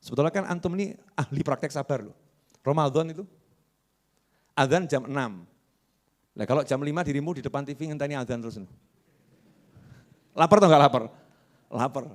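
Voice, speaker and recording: A male preacher giving a lively sermon, asking the audience questions and answering them himself. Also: fairly high pitch, a little fast, pauses often.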